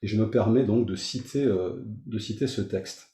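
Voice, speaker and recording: Hesitant man, mellow voice, roomy sound. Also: fairly low pitch, normal speed. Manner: hesitant, frequent fillers and restarts. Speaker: meditation teacher. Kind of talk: informal talk to a meditation group. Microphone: facing a camera. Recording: roomy echo.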